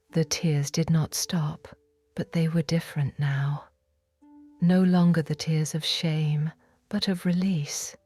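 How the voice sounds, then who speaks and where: A woman voicing a repentant, forgiven woman of biblical times in a whispered role-play, telling her story in a hushed, reverent, intimate first person. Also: low voice, husky, full character voice. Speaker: audiobook narrator.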